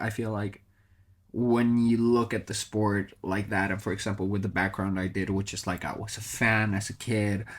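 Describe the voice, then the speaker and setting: A man from Colombia, a motorsport content creator, talking casually in an interview, thoughtful and full of fillers and restarts. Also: fairly low pitch. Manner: reflective, with many fillers and restarts.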